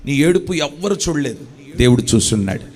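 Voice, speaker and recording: A man preaching a sermon as pastor, fervent and repetitive, firing questions at the congregation and rising to shouted blessings. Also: mid-range voice, big pitch swings, quick pace.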